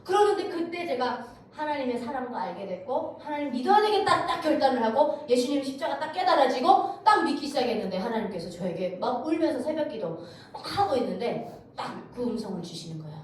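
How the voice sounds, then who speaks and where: Lively high-voiced woman giving testimony. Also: brisk. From North Korea. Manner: lively storytelling, acting out quoted voices. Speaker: guest speaker giving testimony. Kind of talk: church testimony talk. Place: church sanctuary. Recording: echoey church hall, distant mic, faint noise.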